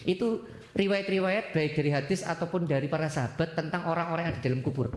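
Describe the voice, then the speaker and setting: A man with an East Javanese accent preaching and answering audience questions as a lively storyteller, acting out dialogue and slipping into Javanese. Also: on the high side, fast talker, a little hiss or hum. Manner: mixes Javanese into his talk. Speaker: Islamic preacher. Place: mosque hall. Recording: echoey mosque hall.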